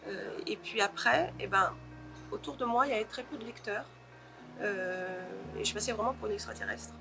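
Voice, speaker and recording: A woman novelist answering interview questions in a thoughtful way, pausing often to search for her words. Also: mid-range voice, very animated, music in the background.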